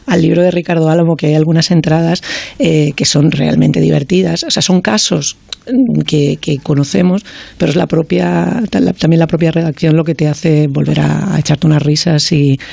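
A man talking as a panelist in a casual radio discussion, halting and repeating words as he searches for his phrasing. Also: fairly high pitch, steady tone, creaky, darkish tone, slightly rough, no room sound, muffled recording. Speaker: screenwriter, panelist.

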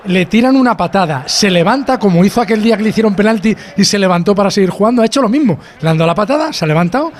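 A man's voice: high voice, lively intonation, very fast, few pauses. A man giving insistent match analysis as a football analyst, piling up short clauses.

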